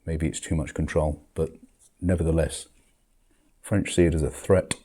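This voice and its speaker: A man's voice: a bass voice, level tone, normal speed, dark tone, a little hiss or hum. An older man in a grumpy, world-weary back-in-my-day rant, commenting on the world with emphatic outbursts. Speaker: video commentator.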